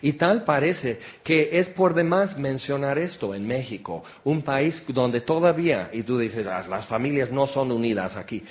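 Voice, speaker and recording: A middle-aged man with a Mexican accent preaching a sermon, telling stories and dropping into soft, confiding tones. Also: medium pitch, measured pace, hardly any pauses. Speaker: pastor.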